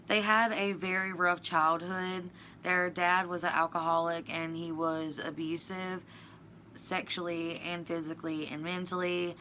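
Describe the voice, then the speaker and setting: A woman with a bright, forceful tone tells a dark story at an unhurried pace. Her delivery is loose and chatty, padded with fillers, and she swears bluntly now and then. Her voice sits a little low for a woman. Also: level tone, a little hiss or hum. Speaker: video creator. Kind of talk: casual true-crime storytelling.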